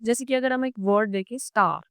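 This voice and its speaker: Clear, higher-pitched Indian woman tutoring. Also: fairly quick, a bit bright, dry recording, studio quality. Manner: patient, explains step by step and drops her pitch on example words. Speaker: online tutor. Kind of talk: explanatory lecture.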